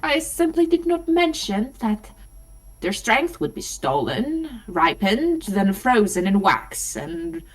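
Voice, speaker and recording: A woman's voice: medium pitch, big pitch swings, rough recording. A woman voicing a proud, scornful old hag, speaking in a theatrical, gloating way as she tells her tale in a tabletop game. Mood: bitter, gloating. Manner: slow, theatrical, gloating storytelling. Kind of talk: dramatic in-character reading in a tabletop game.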